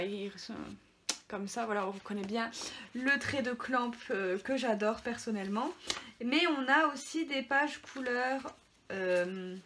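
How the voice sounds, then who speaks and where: A woman's voice: a little high, a bit bright, a little hiss or hum. A French woman hosting a casual manga haul video, chatting with many fillers and small restarts. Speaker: manga vlogger.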